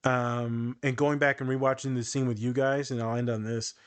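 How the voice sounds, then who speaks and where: Lively man in his thirties, podcast host. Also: medium pitch, normal speed, smooth. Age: 30s. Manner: lively storyteller, laughs often, acts out quotes. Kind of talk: casual chat.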